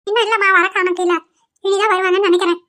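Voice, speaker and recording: A woman voicing a chatty middle-aged housemaid in a cartoon, talking in a shrill, grumbling way. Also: fairly even intonation, rapid-fire, pushed and bright. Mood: fussing.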